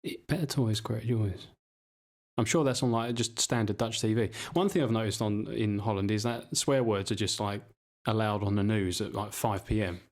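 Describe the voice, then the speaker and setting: A man's voice: fairly low pitch, a little fast, hardly any pauses. A man co-hosting a podcast who tells joking anecdotes with hesitant fillers. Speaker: podcast co-host. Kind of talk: casual chat.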